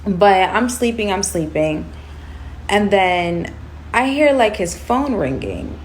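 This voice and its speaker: A woman telling a personal story to her viewers in a casual storytime vlog, animated and chatty, calling them y'all and saying "like" often. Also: medium pitch, slow pace, slight background noise. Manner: animated, addresses viewers as y'all, heavy use of "like".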